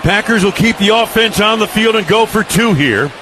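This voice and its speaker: At a normal speed and with crowd noise around him, a high-voiced man announces a live football game for radio. He keeps his phrasing punchy and clipped, ramping up the excitement as each play develops over the stadium's noisy feed.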